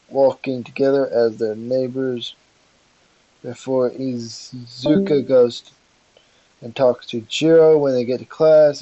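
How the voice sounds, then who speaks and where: A man's voice: medium pitch, mellow, no room sound. A man casually narrating a fan-fiction story over a voice call, rambling with fillers and asides. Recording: dry, dull lo-fi call audio.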